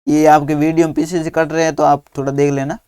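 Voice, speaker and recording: A man teaching young children through a workbook, dictating words slowly and patiently one at a time. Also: on the high side, flat delivery, darkish tone, clean tone, no room sound, studio quality.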